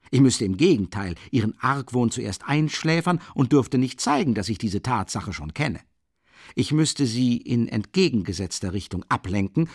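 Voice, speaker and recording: Man voicing a mocking investigating judge, lively swooping pitch, dry close studio sound. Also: no room sound. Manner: low, soft, chuckling, insinuating. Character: older male investigating judge, sly and mocking. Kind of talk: audiobook character voice.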